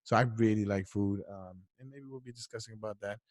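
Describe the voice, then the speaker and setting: A man's voice: lowish voice, a little fast, no room sound, studio quality. A man born in Ecuador and raised in the US, co-hosting a casual podcast, chatty, laughing often and restarting his phrases. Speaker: podcast co-host. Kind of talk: casual chat.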